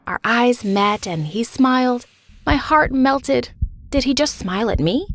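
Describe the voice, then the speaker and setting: A woman's voice: a little high, lively intonation, a little slow. A woman narrating a dramatic personal story in a scripted, earnest way.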